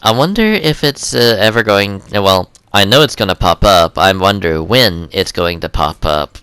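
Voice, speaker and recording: A young man rambles through casual gameplay commentary, constantly hesitating with ums and uhs. His low voice still sounds bright and crisp, with lively intonation and a moderate pace. The recording is dry, with no room sound or echo.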